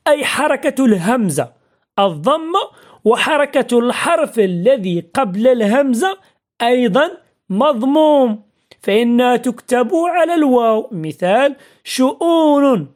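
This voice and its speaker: A woman teaching a spelling lesson, patiently asking and answering her own questions and drilling example words slowly. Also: fairly high pitch, big pitch swings, a little mellow. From Morocco.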